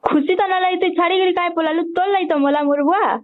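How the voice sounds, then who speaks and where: Fairly quick and very high-voiced, a young daughter confronts her family over the phone, accusing them in everyday colloquial speech. The call was recorded.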